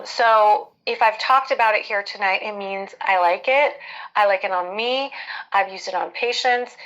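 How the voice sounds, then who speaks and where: Female skincare educator, mid-pitched, conversational live Q&A host who hesitates and thinks out loud. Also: rough recording. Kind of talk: casual live Q&A advice.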